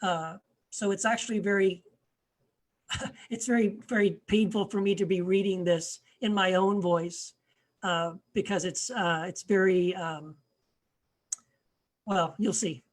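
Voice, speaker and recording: Hesitant soft-spoken male author. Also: sits high, steady tone. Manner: hesitant, frequent pauses and restarts, voice trailing off quietly. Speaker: author and blogger, guest reader. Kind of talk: casual spoken introduction.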